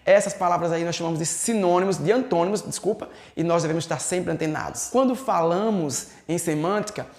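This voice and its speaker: A man's voice: on the high side, a little fast, few pauses. A Brazilian man teaching a recorded exam-prep lesson, who poses questions to himself and then answers them. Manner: didactic, asks and answers his own questions. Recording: echoey room.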